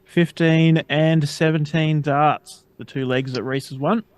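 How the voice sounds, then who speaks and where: A man giving casual live darts commentary, describing play in a relaxed, conversational way. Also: on the high side, a little slow, smooth, no room sound.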